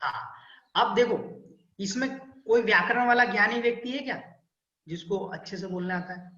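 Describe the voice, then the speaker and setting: Male spiritual teacher, patient and instructive, often checks in with his listeners. Bright, forceful tone, muffled echoey call audio. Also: sits high. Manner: patient, drawn-out chanting of vowel sounds. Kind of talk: instructive talk leading a group chant.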